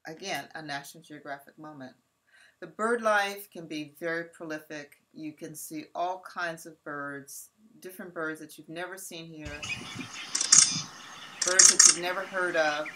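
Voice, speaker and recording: A woman's voice: low voice, measured pace, background noise. A woman from California narrating a safari slideshow presentation, talking chattily and straight to her audience. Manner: chatty, addressing the audience directly.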